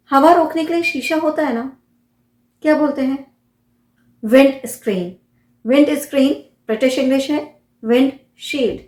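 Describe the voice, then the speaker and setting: A woman's voice: high-pitched, roomy sound. A woman with an Indian accent explains English words in casual Hindi, repeating each term and asking the listener questions. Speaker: English vocabulary teacher.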